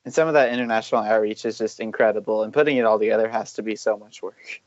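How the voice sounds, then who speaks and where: A man's voice: fairly low pitch, quick pace, no room sound. A man on a casual robotics panel, explaining designs enthusiastically. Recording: dull dry lo-fi sound.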